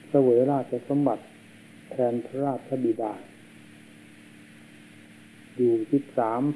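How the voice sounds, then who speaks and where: A man, a monk, giving a slow and solemn sermon, heard on an old worn tape. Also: mid-range voice, steady tone, dark tone, a little hiss or hum, poor audio. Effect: old worn tape recording.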